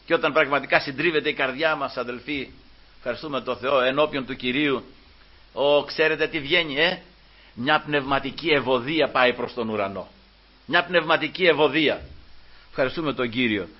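A man preaching a sermon with fervor, swinging between hushed asides and loud exclamations and calling out to his listeners as brothers. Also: mid-range voice, breathy edge. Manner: addresses listeners again and again as brothers. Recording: dull lo-fi recording.

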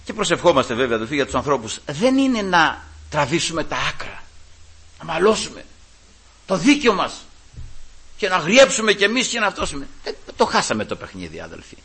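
A man preaching a sermon, fervently addressing the congregation as brothers and telling personal stories, moving between quiet asides and loud, emphatic peaks. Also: a little high, very animated, slightly rough. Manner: fervent, keeps calling out to his brothers. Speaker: Pentecostal preacher.

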